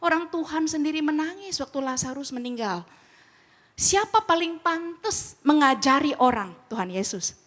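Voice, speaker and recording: High-voiced woman teaching with lively stories. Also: moderate pace. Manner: lively storyteller who acts out quoted exchanges in slangy speech. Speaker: speaker at a church grief ministry training. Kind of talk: casual teaching talk.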